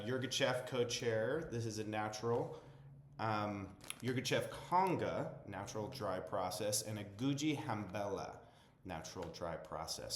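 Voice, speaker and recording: A man's voice: lowish voice, slight background noise. A man hosting a coffee interview show, upbeat and welcoming as he introduces the guest and the coffees. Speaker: show host. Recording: roomy echoey sound.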